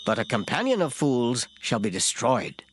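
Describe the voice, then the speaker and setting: A lightly acted reader at medium pitch swings widely in pitch while reading scripture at normal speed in formal King James English. The tone is emphatic and solemn, and the background is noisy with loud music.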